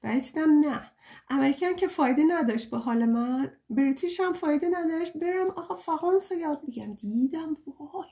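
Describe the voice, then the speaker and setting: A woman's voice: high voice, animated, dark tone. A young woman giving a casual tarot reading, chatty and playful, joking at her own expense and pleading fondly with her listeners. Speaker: tarot reader.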